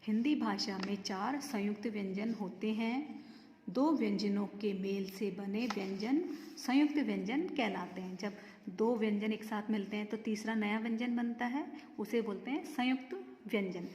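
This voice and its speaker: A woman teaching a grammar lesson to children, slowly sounding out example words and answering her own questions. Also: medium pitch, a little mellow. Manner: slow, drawn-out word demonstrations, asks and answers own questions. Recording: dull, echoey room with long reverb.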